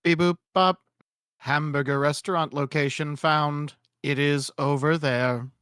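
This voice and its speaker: A man's voice: fairly high pitch, fairly even intonation, a little slow, a bit bright, smooth, no echo, clean studio sound. A man doing a robot voice for a talking robot car in an improvised fan story, speaking in clipped, beeping machine announcements. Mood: helpful.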